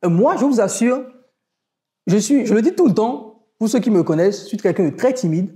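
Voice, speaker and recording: A man's voice: high voice, animated, brisk, mellow. A man speaking earnestly in a podcast conversation, building his point in short insistent phrases.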